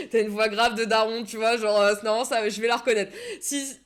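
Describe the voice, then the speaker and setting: A woman's voice: on the high side, a little slow. A young adult woman hosting an esports league live stream, chatty and laughing often, correcting herself as she goes. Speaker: esports league show host.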